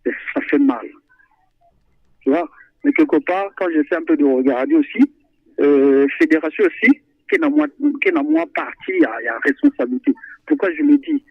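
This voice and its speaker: A very high, gravelly male voice comes through a tinny phone line as a listener calls a radio show about football. He talks at a normal pace, animated but hesitant and repetitive. The recording is dry.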